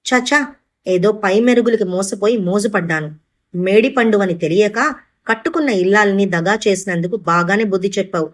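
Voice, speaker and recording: A woman's voice: medium pitch, normal speed, close to an everyday voice. A woman reading the part of a grumbling, complaining husband. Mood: irritated. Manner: complaining, irritated. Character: grumbling middle-aged husband, regretful.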